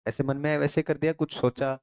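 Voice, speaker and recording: A man's voice: fairly high pitch, level tone, fast, darkish tone. A man from India teaching pronunciation in a classroom lecture. He asks his students questions, answers them himself and drills the key phrases again and again. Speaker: English teacher.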